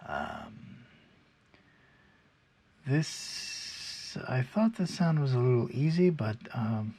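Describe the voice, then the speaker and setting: A man with a standard American accent giving an informal pronunciation lesson, explaining patiently and haltingly step by step, with a slightly husky, gravelly voice. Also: mid-range voice, lively intonation, mellow. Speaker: pronunciation teacher. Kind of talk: informal instructional video, demonstrating English sounds.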